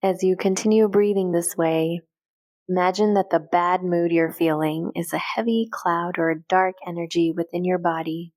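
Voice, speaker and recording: A woman with a slightly low-set voice guides a meditation in a gentle, calm way. Her soft instructions come in short, measured phrases, and she never rushes.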